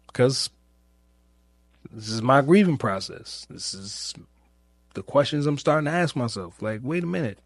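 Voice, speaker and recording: Musing aloud on his podcast, this man speaks informally and searchingly, pausing at length, repeating phrases and questioning himself. His mid-range voice is slightly mellow, with no echo.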